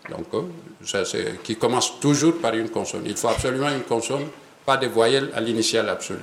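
A man giving an academic lecture, hesitant with many fillers and an occasional soft chuckle. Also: mid-range voice, brisk, vocal fry, slight background noise. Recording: roomy hall with faint ambience.

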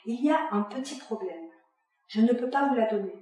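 Woman reading as a timid counter clerk, soft-spoken and unsure, in a roomy space. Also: a little high, moderate pace, close to an everyday voice. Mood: hesitant. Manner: soft, hesitant, subdued. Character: hesitant civil servant at a counter, quiet and unsure. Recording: echoey room, voice from far off.

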